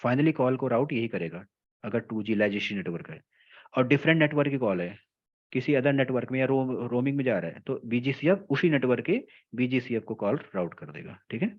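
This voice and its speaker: A man teaching a technical lecture. He explains slowly, mixes in English terms, repeats key phrases and checks in with his listeners often. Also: mid-range voice, lively intonation, highs cut off. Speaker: telecom trainer.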